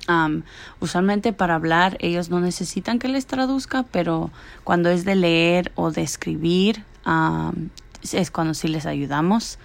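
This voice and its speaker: A young woman sharing her thoughts in an unhurried, casual way, often pausing and restarting. Her voice sits low with a gravelly fry. It sounds like a relaxed podcast reflection. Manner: hesitant, many fillers and restarts. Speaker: student podcaster. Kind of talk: casual spoken reflection on an article.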